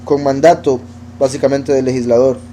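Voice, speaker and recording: Man teaching scripture with a mellow voice. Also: medium pitch, steady tone, slight background noise. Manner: explanatory, reads verses aloud and pronounces Hebrew words slowly. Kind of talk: Bible study teaching.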